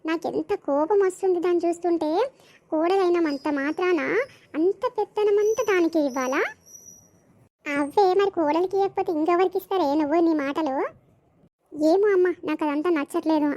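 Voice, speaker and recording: A woman's voice: very high-pitched, a little fast, mellow. A woman voicing a jealous, sulky young woman. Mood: resentful. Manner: complaining, resentful whining. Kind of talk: animated village comedy voicing.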